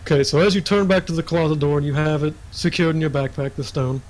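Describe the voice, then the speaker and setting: A young man running a tabletop game, telling the scene in a loose, conversational way. His voice sits a little high, and he pads his narration with fillers. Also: quick pace, a little mellow, rough recording. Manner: casual, filler-heavy storytelling. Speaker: dungeon master.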